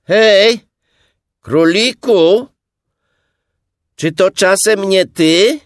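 A man voicing a cheerful, simple-minded male teddy bear in a high, loud, sing-song voice. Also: extremely slow, no room sound, studio quality. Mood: calling out.

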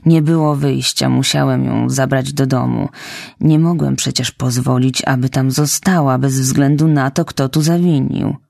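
A woman voicing a quiet, resigned older farmer who speaks slowly. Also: extremely low pitch, steady tone, vocal fry, no room sound, studio quality, exaggerated voice. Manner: slow, resigned.

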